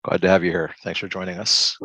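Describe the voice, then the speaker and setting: A man hosting a group video call, relaxed and halting, with many fillers. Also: low-pitched, slightly rough, no room sound. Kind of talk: casual group check-in.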